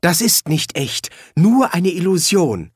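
A man reading an audiobook, voicing a calm elderly wizard professor who speaks in a matter-of-fact way. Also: high-pitched, slow pace, husky, dry recording, clean studio sound, pitched above the performer's own voice, exaggerated voice. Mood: reassuring.

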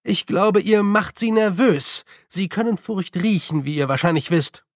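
A man's voice: high voice, lively intonation, a little slow, no echo, studio quality, pitched above the performer's own voice. A man reading an audiobook, voicing a confident young male con man with assured, raised commanding calls. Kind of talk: audiobook character voice.

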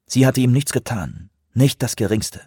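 A man reading a novel aloud in a steady, measured narration. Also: medium pitch, slightly rough, no room sound, studio quality. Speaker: audiobook narrator.

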